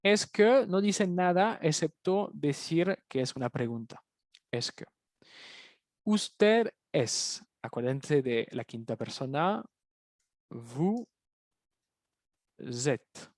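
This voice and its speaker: A man's voice: fairly high pitch, sing-song, takes it slowly, long pauses, darkish tone, dry recording, clean studio sound. A man teaching a French review lesson in Spanish, patiently repeating phrases for his students. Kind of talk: online language lesson, explaining in Spanish.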